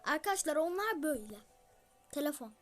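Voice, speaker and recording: A woman's voice: high-pitched, very animated, brisk, a bit bright, soft background music. A female YouTuber giving chatty game commentary, talking straight to her viewers and slipping into whispered asides. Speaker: gaming YouTuber.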